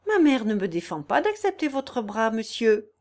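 A woman reading aloud plays a young country girl, gentle yet dignified. The voice is fairly high and moves with lively pitch. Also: moderate pace.

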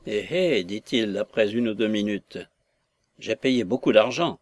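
A man voicing an ill, confused older father who is quick to anger, speaking in short, abrupt bursts in an audiobook reading. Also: lowish voice, expressive. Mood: agitated.

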